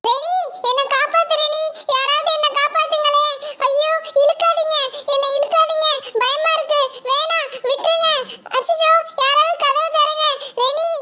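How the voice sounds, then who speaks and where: A woman's voice: very high-pitched, moderate pace, a bit bright. A woman voicing Mini, a frightened schoolgirl doll who pleads and squeals in a doll story. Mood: terrified.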